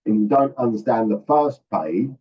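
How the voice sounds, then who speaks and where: A man's voice: lowish voice, animated, moderate pace, slightly rough. A man giving a chatty, emphatic orientation talk to volunteers, often checking in with "okay?" and acting out quoted lines. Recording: dull lo-fi audio from a distant mic.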